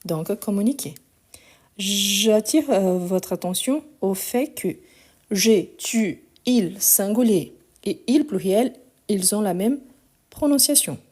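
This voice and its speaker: Speaking slowly with lively intonation, this woman has a medium-pitched, slightly mellow voice with a breathy edge that comes across a bit weak. She's a French teacher giving a live online grammar class, explaining each step patiently and spelling endings letter by letter, recorded on a phone.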